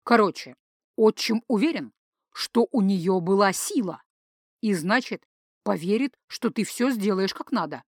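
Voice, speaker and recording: A woman's voice: medium pitch, animated, a little slow, husky, no echo, studio quality. A woman voicing a cheeky young male student. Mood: pushy. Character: young man, lazy student, pushy and cheeky.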